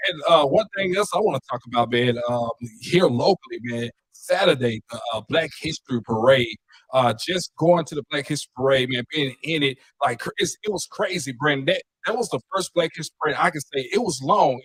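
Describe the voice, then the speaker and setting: A man's voice: a little high, animated, brisk, husky. Upbeat man, casual podcast co-host. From Northeast Louisiana. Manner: enthusiastic, says "man" a lot.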